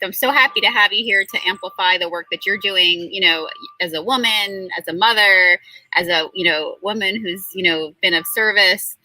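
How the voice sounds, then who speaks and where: A woman's voice: medium pitch, a little hiss or hum, rough recording. A middle-aged woman hosting an interview, talking at an easy pace with many fillers. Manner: many fillers, warm thanks to guests. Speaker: host. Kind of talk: conversational interview.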